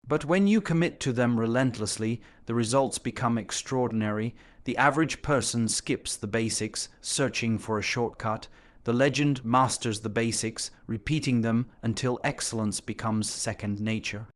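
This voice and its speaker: Guy doing a gym motivation speech, mid pitched voice, emphatic, short punchy lines. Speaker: motivational speaker.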